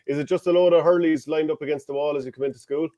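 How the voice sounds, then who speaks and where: Podcast host asking loose questions. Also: male voice, a little high, steady tone, very fast, dark tone. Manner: loose, chatty questioning with fillers. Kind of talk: casual podcast interviewing.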